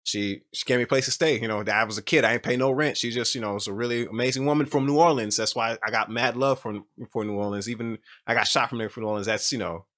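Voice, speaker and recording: A man talks fast through a personal story, his voice bright and forward. He rambles, restarts his sentences and fills gaps with "you know" as the memory gets to him. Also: mid-range voice. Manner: rambling, emotional, many restarts and fillers. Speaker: podcast guest. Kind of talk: casual storytelling.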